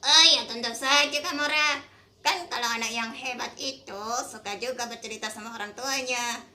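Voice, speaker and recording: A woman's voice: on the high side, normal speed, pushed and bright. A woman co-hosting a children's radio program, chatting in a playful way.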